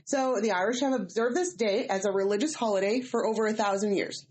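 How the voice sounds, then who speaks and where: A woman's voice: mid-range voice, a little fast, a little mellow. A woman co-hosting a podcast in casual chat, laughing often and reading out facts. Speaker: podcast co-host.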